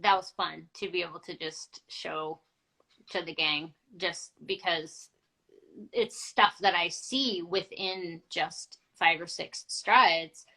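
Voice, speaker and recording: Chatty woman co-hosting a relaxed morning show, bright tone, laughs easily. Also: fairly low pitch, slow, creaky, poor audio. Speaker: podcast co-host. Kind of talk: casual live-stream chat.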